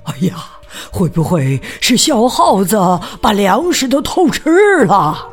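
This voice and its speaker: A woman's voice: mid-range voice, sing-song, slow pace, husky, faint music behind, full character voice. A woman voicing a worried old grandpa rooster in a children's storybook, sighing and fretful as she speaks.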